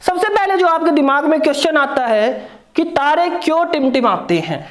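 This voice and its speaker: A woman's voice: sits high, expressive, normal speed, roomy sound. A woman teaching an online lesson, who asks questions and answers them herself and repeats key points. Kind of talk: online lecture.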